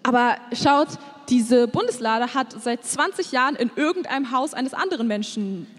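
A woman's voice: high voice, lively intonation. A woman interpreting a sermon live, phrase by phrase, with the occasional hesitation while she searches for a word. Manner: quick, with hesitations, echoes the preacher's acted voices. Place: church hall. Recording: reverberant church hall.

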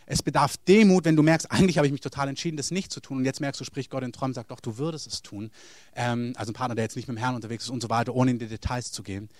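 A man's voice: medium pitch, fairly even intonation, rapid-fire, few pauses, no echo, studio quality. A man preaching a sermon, speaking earnestly and addressing the listeners directly.

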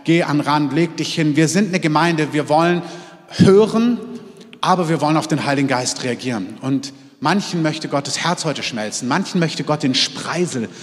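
A man preaching a sermon to his congregation, lively, moving between loud exclamations and quiet, intimate asides. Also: on the high side, moderate pace, few pauses, in a large hall. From half French, in Germany. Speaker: pastor. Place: church hall.

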